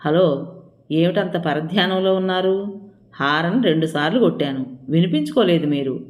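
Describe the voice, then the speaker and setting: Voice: medium pitch, expressive, normal speed, lightly acted. A narrator voicing a breezy, over-familiar male family friend who teases and chats freely. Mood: chummy. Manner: chummy, teasing. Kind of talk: audiobook role reading.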